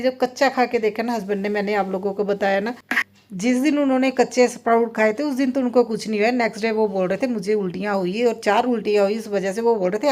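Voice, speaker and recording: A woman's voice: a little high, darkish tone. A woman in her thirties, a mother and vlogger, chatting through a casual voice-over about her day at home. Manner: chatty, rambling, many fillers. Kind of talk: casual voice-over vlog narration. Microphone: phone voice-over.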